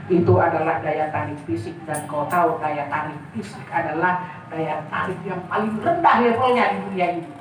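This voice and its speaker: A stern but loving father, a former military sports trainer, speaks low and slow as he counsels his daughter, as a woman telling the story puts him on. The voice sits lower than her usual pitch and quieter. It comes from some distance, in a very echoey room with faint room noise. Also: natural voice. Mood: counseling.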